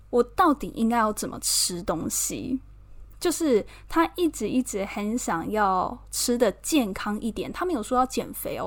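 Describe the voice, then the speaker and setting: A woman from Taiwan with a Taiwanese Mandarin accent, chatting casually and expressively as a podcast host, laughing often. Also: medium pitch. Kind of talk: casual personal chat.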